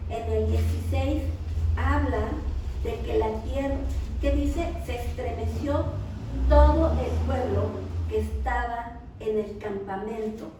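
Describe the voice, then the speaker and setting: A woman with a Mexican accent teaching a Bible lesson in church, talking conversationally and often checking with her listeners through quick questions. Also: on the high side, a little mellow. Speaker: preacher. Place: large echoey church hall. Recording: very echoey hall, speaker far from the mic, faint noise.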